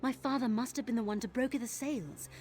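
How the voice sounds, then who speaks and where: With game music running underneath, an actress delivers video game dialogue as an earnest young woman thief searching for her lost father. She sounds worried but determined, confiding in tone, her fairly high, slightly mellow voice quick and close to everyday speech. There's slight background noise, and she's a young adult.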